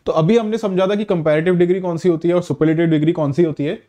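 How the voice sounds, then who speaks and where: A man's voice: fairly high pitch, steady tone, quick pace, dark tone. A man teaching grammar to exam students, patiently checking in with his listeners as he explains. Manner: patient, repeats "ठीक है" to check understanding.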